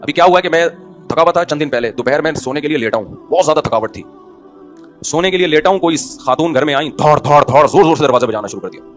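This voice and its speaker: A middle-aged man preaching at a quick clip in a slightly raised voice, full of everyday stories and rhetorical questions to his audience. His delivery is casual and wry, with joking asides. Faint music sits underneath. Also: on the high side, lively intonation. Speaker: Islamic scholar and preacher. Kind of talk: conversational sermon.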